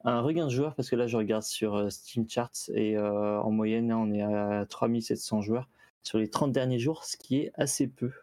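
A man's voice: lowish voice, moderate pace, dark tone, no echo. A man co-hosting a casual gaming news chat, speaking hesitantly with many fillers. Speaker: co-host.

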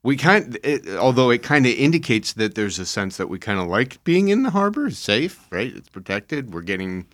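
A middle-aged man co-hosting a casual faith podcast discussion, playful and quick to laugh at himself. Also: mid-range voice, very animated, fairly bright tone. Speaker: podcast co-host.

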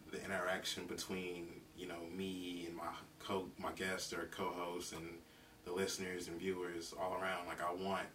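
A man in his twenties from South Carolina, hosting his own podcast in a relaxed, rambling way, with lots of fillers and casual slang. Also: low voice. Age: 20s. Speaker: podcast host. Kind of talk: casual solo podcast talk. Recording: distant mic with faint background noise.

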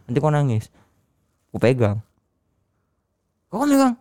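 A man in casual chat, reacting quickly with blunt swearing and laughing asides. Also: medium pitch, wildly swooping pitch, warm tone.

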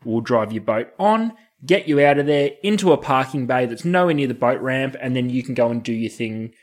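A man's voice: medium pitch, lively intonation, brisk. Casual Australian man chatting. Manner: laid-back colloquial slang. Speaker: podcast co-host. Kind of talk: casual chat.

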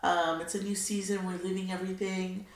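A woman's voice: mid-range voice, level tone, brisk. A woman co-hosting a casual podcast from her living room, laid-back and filling her talk with ums. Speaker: podcast co-host. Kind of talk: casual chat. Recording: strongly echoing room.

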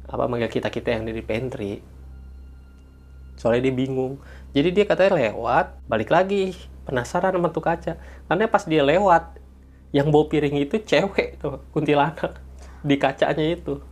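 A man's voice: fairly high pitch, normal speed, long pauses. A man, chatting as a guest who tells office ghost stories and acts out the sounds with little noises. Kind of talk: casual storytelling chat.

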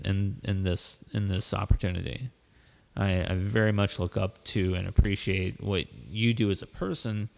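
A podcast host with a lowish, fry-tinged voice talks earnestly in a casual chat, rambling and restarting often. The recording carries a long, hall-like reverb.

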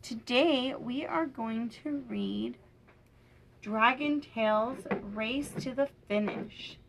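A young woman reading a children's picture book aloud for her podcast, gentle and lightly animated, with small lifts in her voice for the characters. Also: a little high, slow pace, vocal fry, noisy background. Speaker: podcast storyteller.

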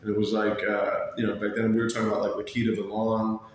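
Guy being interviewed, talks fast and rambly, casual slang, small room w/ loads of echo. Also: fairly low pitch, completely flat delivery. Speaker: interview guest, bar and band member. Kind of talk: casual chat. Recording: very echoey small room, faint noise.

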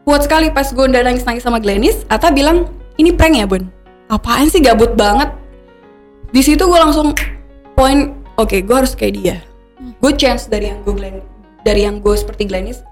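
Animated woman, faint music. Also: fairly high pitch, normal speed. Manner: animated, breaks into laughter, mixes in English words. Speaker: podcast guest. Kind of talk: candid conversational storytelling.

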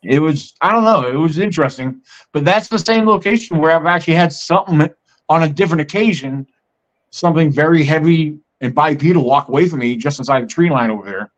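A man with a fairly high voice talks in a loose, meandering way, as if chatting with a guest on his own show. The recording sounds muffled and lo-fi. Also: brisk. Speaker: podcast host. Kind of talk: casual storytelling. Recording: muffled lo-fi audio.

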